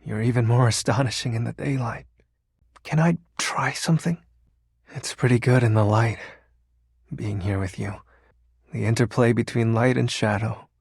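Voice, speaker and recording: In a mid-range, slightly mellow and husky voice with vocal fry, a man plays a video game's embodiment of darkness, a shy, sentimental, awkward would-be shadow lord. He talks at normal speed with long pauses, hesitant but prone to theatrical brooding, sounding awed and tender. The recording is dry, with clean studio sound.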